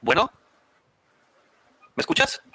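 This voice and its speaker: Give me a man with a Mexican accent hosting a casual stream, his voice coming through a choppy, laggy mic that makes it sound sped-up and squeaky. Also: takes it slowly, pushed and bright, no room sound. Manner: informal, slangy, checking his audio. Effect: choppy, laggy mic over a call, sounding sped-up and squeaky. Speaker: live stream host.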